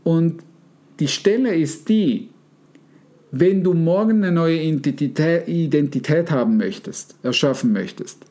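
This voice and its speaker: A man hosting a podcast, coaching listeners through rhetorical questions and addressing them warmly as dear ones. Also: a little high, animated, unhurried. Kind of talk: casual podcast talk on mindset.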